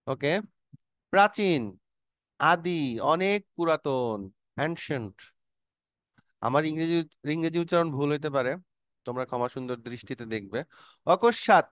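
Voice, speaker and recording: A man's voice: on the high side, clear, resonant tone, no room sound, studio quality. A man teaching a vocabulary lesson, calling out word lists with emphatic stress and explaining them patiently to students.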